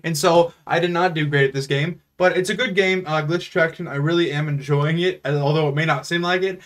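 A man's voice: fairly high pitch, steady tone, a little fast. A man giving frustrated, profane commentary as he plays a horror game and later wraps up his video. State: stressed and sweating. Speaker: gaming YouTuber. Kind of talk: live gameplay commentary. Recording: loud game music behind the voice.

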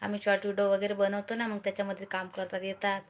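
A woman's voice: mid-range voice, completely flat delivery, rapid-fire. Woman hosting a live stream. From Maharashtra, India. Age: middle-aged. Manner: urging viewers in short repeated calls. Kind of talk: casual live-stream chat.

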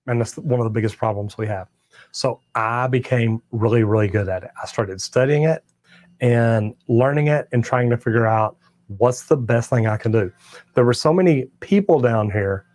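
In a dry recording, an older man speaks in a mid-range, slightly mellow voice with a Texan accent. He's a master plumber hosting a casual livestream, answering chat questions with folksy, plainspoken, drawling stories. He uses a clip-on lapel mic on a studio set stocked with shelves of tools and merch.

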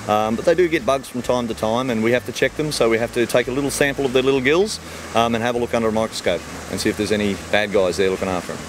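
Answering kids' questions in an outdoor interview, a middle-aged Australian fish farmer explains his farm in an easygoing, plain way with everyday comparisons, speaking briskly at a medium pitch. The interviewer holds a handheld mic beside the ponds, with a faint hum of ambient noise behind.

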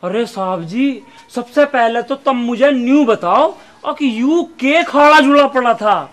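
An actor playing a cocky, greedy police informer who talks in a cheeky, teasing rustic way in a comic sketch. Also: male voice, extremely high pitch, measured pace, a bit bright. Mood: mocking.

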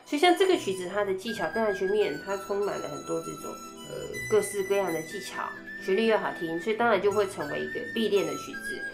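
A woman with a Taiwanese Mandarin accent teaches flute technique in a chatty way, breaking down each passage step by step and singing rhythm syllables. Her medium-pitched voice is expressive and quick, with hardly any pauses. The room is echoey, with faint music behind her.

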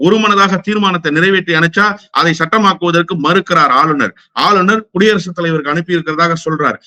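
A man's voice: on the high side, pushed and bright, dry recording. A man speaking as a political guest in a heated interview, combative and firing rhetorical questions.

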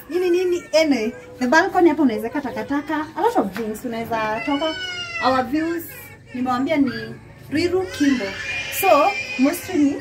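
A young Kenyan woman, Kenyan accent and high voice, films a laughing, chatty tour of her small apartment and balcony on a handheld phone. Speaking directly to viewers, she switches between English and Swahili. A little hiss or hum runs under the audio.

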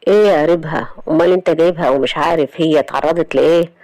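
A woman's voice: low voice, very fast, a little mellow, dry recording, poor audio. A woman voicing a stern male doctor with an Egyptian accent, scolding in a firm tone. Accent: Egyptian Arabic.

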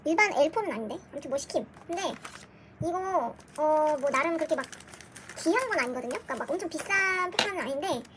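A very high-pitched young woman chatting to camera in a dim room at home, gasping and squealing with delight as she unboxes. Faint background noise hums under her voice. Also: fast. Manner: gushing, excitable, gasps and squeals. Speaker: vlogger. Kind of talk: casual unboxing chat.

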